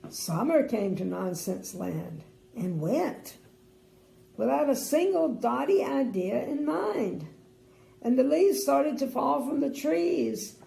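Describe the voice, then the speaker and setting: An older woman, a sweet grandmotherly storyteller with a creaky voice, reads a bedtime story expressively and adds chatty asides. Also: high-pitched, lively intonation, takes it slowly, mellow. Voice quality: creaky, gravelly. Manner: sweet old lady, grandmotherly. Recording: roomy indoor echo.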